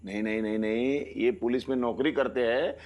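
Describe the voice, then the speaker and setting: A man's voice: medium pitch, fairly even intonation, a little fast, a little mellow, lightly acted. A man playing a fussy, bossy middle-aged father. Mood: explaining. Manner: instructive, bossy, giving orders. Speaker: father of the bride. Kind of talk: TV sitcom acting. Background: background music.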